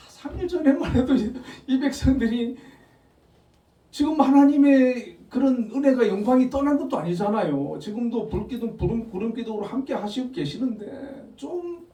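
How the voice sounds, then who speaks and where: A male pastor giving a Sunday morning sermon in a conversational, animated storytelling manner with frequent chuckles. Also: sits high. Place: church sanctuary. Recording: echoey hall, voice from a distance.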